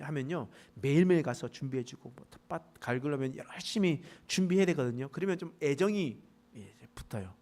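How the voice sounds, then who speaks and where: A man preaching a midweek sermon as pastor, telling the story animatedly and reading verses more quietly and formally. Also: on the high side.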